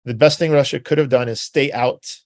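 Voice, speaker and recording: A man with a gravelly, creaky voice talks through history in a loose, rambling way, often checking in with tag questions. His voice is recorded dry and close, with no room sound. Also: medium pitch, fairly even intonation, brisk, darkish tone, no room sound. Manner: rambling and conversational with many filler words and tag questions. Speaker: presenter. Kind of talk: informal spoken history talk.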